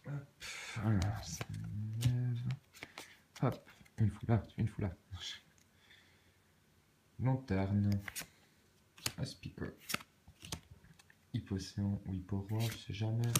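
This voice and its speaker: A man with a Swiss French accent, calmly muttering card names and soft exclamations as he opens packs in a casual vlog. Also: lowish voice, takes it slowly, creaky, pauses often, background noise. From Switzerland. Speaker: card-opening vlogger. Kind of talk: casual commentary while opening cards.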